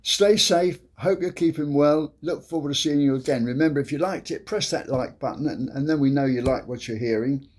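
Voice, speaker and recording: A man's voice: on the high side, fairly quick, hardly any pauses, darkish tone. An older man hosting a comedy show, telling long rambling jokes in a chatty, casual way. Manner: chatty, rambling storyteller with frequent "you see".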